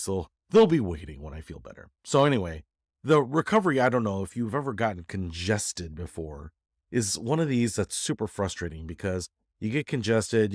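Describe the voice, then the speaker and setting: Male YouTuber, low pitch, stuffed up with a cold, casual and self-deprecating, recorded close and dry. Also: no echo. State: congested from a head cold. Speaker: YouTuber giving a channel update. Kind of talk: casual rambling chat to viewers.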